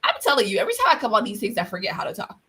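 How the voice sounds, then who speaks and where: Bright chatty woman livestream host. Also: medium pitch, huge pitch swings, rapid-fire, poor audio. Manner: chatty, self-deprecating, lots of fillers. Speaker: host and guild president. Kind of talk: casual livestream chat. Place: home office with open windows.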